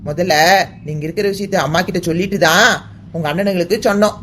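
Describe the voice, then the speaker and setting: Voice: medium pitch, quick pace, fairly bright tone, a little hiss or hum, close to an everyday voice. A voice actor playing an earnest, caring young man in a cartoon, reassuring and blunt. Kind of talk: cartoon voice acting.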